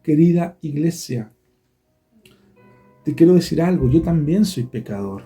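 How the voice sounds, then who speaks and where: A man's voice: on the high side, animated, unhurried, warm tone, faint music behind. A man preaching a sermon as pastor. He speaks earnestly and keeps turning back to address the congregation directly.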